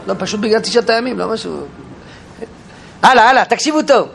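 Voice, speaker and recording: A man teaching a Bible class in an animated way, questioning his listeners and acting out quotes. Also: sits high, creaky, breathy edge, faint music behind. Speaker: Torah teacher. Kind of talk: lively Bible class lecture.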